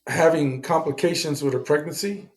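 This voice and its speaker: A man's voice: fairly high pitch, normal speed. A middle-aged man, a Navy veteran guest, telling his service story in a blunt, casual way, with swearing and acted-out dialogue.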